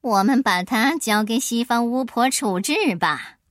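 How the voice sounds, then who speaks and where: A woman voicing a brisk, obedient winged monkey henchman in a children's storybook. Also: a little high, expressive, no room sound, clean studio sound. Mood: businesslike.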